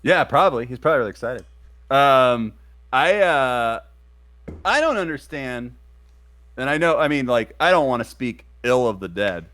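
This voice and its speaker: A man's voice: medium pitch, expressive, normal speed, fairly bright tone. Rambling, hesitant man co-hosting a stream. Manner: hesitant, rambling, many ums. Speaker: co-host. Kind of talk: casual live-stream chat.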